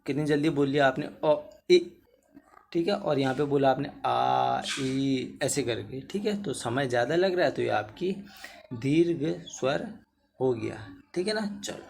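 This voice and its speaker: A male Hindi teacher with a mid-range voice and vocal fry teaches grammar for exam prep at normal speed, with a little hiss or hum in the background. He calls students bhaiya, keeps asking "theek hai na," and stretches vowels to show their length.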